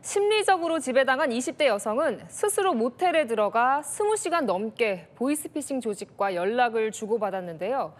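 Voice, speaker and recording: A woman's voice: a little high, lively intonation, moderate pace, few pauses, in a large hall. A woman presenting scripted news introductions as an anchor.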